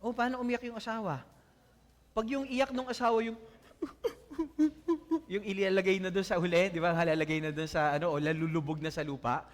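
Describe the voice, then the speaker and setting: A man's voice: high-pitched, normal speed. A man preaching a sermon to his congregation, mixing Tagalog with English, often laughing and asking "Amen?". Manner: animated, asks the congregation "Amen?"; laughs often while telling jokes. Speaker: pastor. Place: church hall before a congregation. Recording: long church hall reverb.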